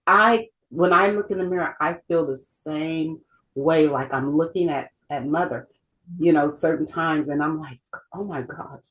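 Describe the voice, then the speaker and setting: Woman, middle-aged, low-pitched, reflective, emphatic, casual heartfelt talk. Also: unhurried, low-quality recording. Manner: reflective, emphatic, repeats words. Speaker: co-host.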